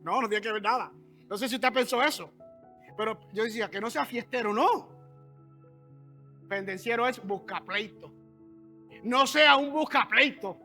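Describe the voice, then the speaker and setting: A man preaches a sermon in a church, talking straight to the congregation with asides and quick questions. His voice sits very high and rings bright and forceful. Soft music plays faintly behind him. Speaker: pastor.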